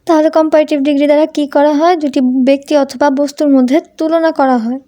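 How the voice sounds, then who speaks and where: A woman's voice: high voice, steady tone, quick pace, mellow. A young woman teaching English grammar to students, asking them questions and answering them herself. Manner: addresses students informally as tumi. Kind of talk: Bengali-language grammar lesson.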